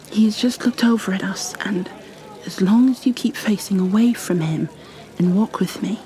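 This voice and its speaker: In a fantasy ASMR roleplay addressed to the listener, a woman plays a kind, flustered young bookkeeper. She speaks softly and breathily, often close to a whisper, with gentle hesitations and apologies, in a medium-pitched, everyday-sounding voice. The mood is hushed and urgent.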